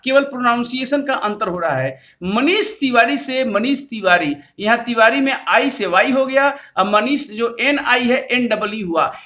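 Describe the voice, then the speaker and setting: A man's voice: very high-pitched, sharp tone. A man explains board procedures in an earnest, slide-based lecture, repeating key points and reading out addresses and numbers.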